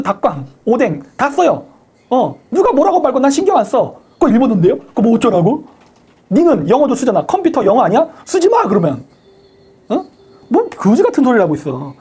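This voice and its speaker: A woman hosting a live stream, giving sharp political commentary, sarcastic and combative, firing rhetorical questions and thanking viewers by name. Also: a little high, husky. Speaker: livestream host thanking viewers for donations.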